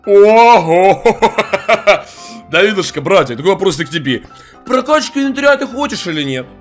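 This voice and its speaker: Casting: young male game streamer, high lively teasing voice, headset mic, faint game music. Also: moderate pace. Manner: mocking, playful, loud exclamations. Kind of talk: teasing prank call while playing. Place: home streaming room.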